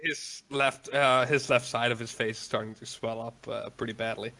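A man narrating as game master in a casual tabletop game, with a halting, filler-heavy delivery. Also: mid-range voice, steady tone, vocal fry, sharp tone, low-quality recording.

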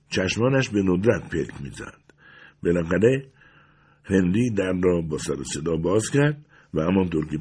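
Brief: husky male audiobook narrator, lively, expressive reading. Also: low-pitched. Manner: expressive storytelling.

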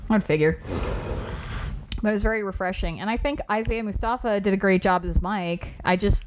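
A woman's voice: medium pitch, normal speed, slight background noise. Chatty woman reviewing movies. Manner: chatty, swears casually, acts out quotes. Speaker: podcast co-host. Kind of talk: casual movie review chat.

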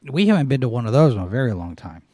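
Middle-aged male streamer, mellow and dry, loose rambling delivery. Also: mid-range voice, very animated, racing, no room sound. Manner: rambling, with frequent restarts and fillers. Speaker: livestream host. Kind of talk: casual livestream chat. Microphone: headset microphone with headphones.

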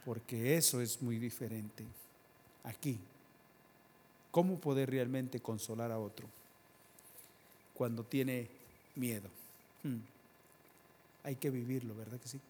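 A man's voice: medium pitch, slow pace, long pauses. Man preaching in an echoing hall. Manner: conversational preaching, rising to loud emphatic peaks, asks the congregation questions. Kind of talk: sermon. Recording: long hall reverb, faint background noise.

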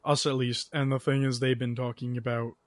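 A man's voice: mid-range voice, flat delivery, brisk, no echo, studio quality. A man co-hosting a casual gaming podcast, chipping in with teasing, wry remarks. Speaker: podcast co-host.

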